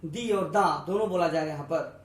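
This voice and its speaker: A man teaching a grammar lesson, explaining slowly and repeating each point, often asking if it is clear. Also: a little high, reverberant, far from the mic, rough recording. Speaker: English teacher.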